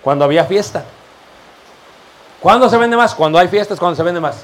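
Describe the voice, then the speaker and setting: A man's voice: high voice, lively intonation, fairly quick. A man preaching a sermon, firing rhetorical questions at his congregation and addressing them as brothers.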